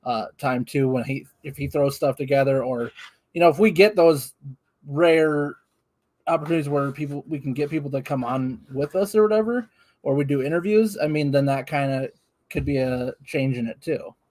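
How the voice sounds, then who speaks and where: A man's voice: a little high, moderate pace, a little mellow. A man co-hosting a live stream in casual chat, talking in a rambling, hedging, conversational way.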